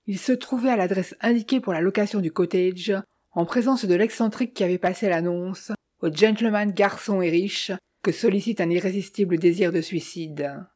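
Woman narrating a story, mellow voice. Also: medium pitch, normal speed. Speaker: audiobook narrator. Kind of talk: scripted narration of a short story.

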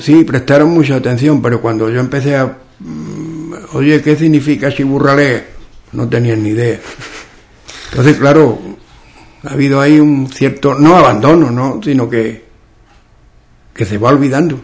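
A man from Ubrique in southern Spain with a western Andalusian accent, explaining local speech in an interview and often pausing to search for examples. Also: mid-range voice, darkish tone. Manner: slow and explanatory, often pauses with "¿qué digo yo?". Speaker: author and local dialect expert.

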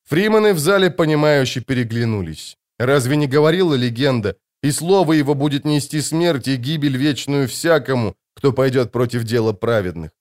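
A man narrating a novel as an audiobook reader, in a measured storytelling manner. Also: mid-range voice, animated, darkish tone. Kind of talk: scripted literary narration.

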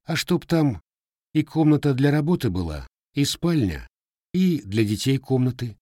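A man's voice: medium pitch, big pitch swings, a little slow, darkish tone, no echo, studio quality, pitched above the performer's own voice. A man voicing a guarded, scarred young Cossack with plain, blunt village speech.

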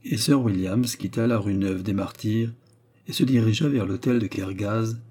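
Male audiobook narrator, husky, mellow, measured reading. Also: lowish voice. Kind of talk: scripted narration.

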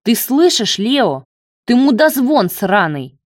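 A woman's voice: fairly low pitch, lively intonation, moderate pace, no echo, clean studio sound, lightly acted. A woman voicing a foul-mouthed snapping young man. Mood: angry. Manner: rough, snapping, sarcastic. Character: coarse, mocking young man, quick to swear.

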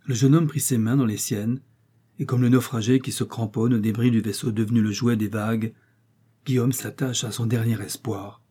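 A man reading a historical romance aloud with measured, expressive narration. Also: mid-range voice, slightly rough. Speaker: audiobook reader. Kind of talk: dramatic novel reading.

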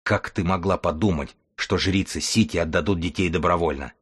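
A man's voice: deep voice, brisk, fairly bright tone, breathy edge. A man voicing a stern, restrained young bookman. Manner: cold, restrained, firm.

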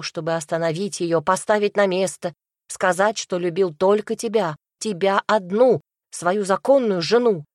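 A woman's voice: lowish voice, no room sound, clean studio sound. A woman playing an indignant mocking daughter. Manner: accusing, sarcastic, raised voice.

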